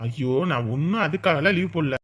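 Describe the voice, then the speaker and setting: Man playing a defensive husband, exasperated, quick talk. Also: on the high side, animated, fairly bright tone, slightly rough. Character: husband defending himself to his wife. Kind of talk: family drama acting.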